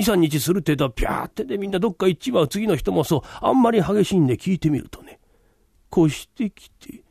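A man voicing a polite older landlord who tells a tale slowly and dramatically, in rakugo storytelling. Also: high voice, vocal fry, warm tone, breathy edge, no echo, studio quality, full character voice. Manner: polite, unhurried, dramatic telling.

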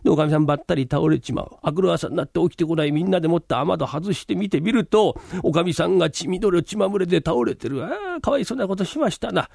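Male rakugo teller playing a courteous older landlord, unhurried and dramatic, dry close sound. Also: on the high side, expressive, creaky, darkish tone, husky, no echo, exaggerated voice. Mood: storytelling. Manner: polite, unhurried, dramatic telling. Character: polite older landlord man, slow storyteller. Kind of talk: rakugo storytelling.

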